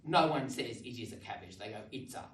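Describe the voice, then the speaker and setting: An Australian woman training language teachers, talking in an animated, demonstrative way with strong stress on words. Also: rumbling low, fast talker, slight background noise. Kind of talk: training session talk. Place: library meeting room. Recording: roomy sound from some distance.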